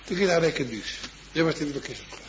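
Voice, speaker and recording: A man's voice: fairly high pitch, expressive, background noise, lightly acted. A man voicing a very old, devout woman who earnestly begs a favor, in a slightly muffled recording. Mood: pleading. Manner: earnest, imploring. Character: very old pleading woman, devout former wet nurse.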